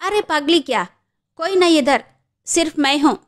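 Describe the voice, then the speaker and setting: A woman's voice: high-pitched, lively intonation, moderate pace, voice pushed up. A woman voicing a kindly male Gurkha watchman who mixes broken Hindi into Telugu in a fatherly way.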